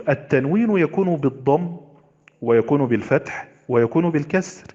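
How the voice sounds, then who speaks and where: A man's voice: medium pitch, a little mellow. A man giving a recorded Arabic grammar lecture, explaining step by step and asking and answering his own questions. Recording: lo-fi audio with long reverb.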